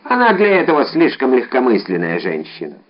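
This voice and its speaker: A smug, petty middle-aged townsman, as a male reader voices him. He talks with self-satisfied ease, sometimes pitched higher. The audio sounds a little dull. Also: huge pitch swings, brisk.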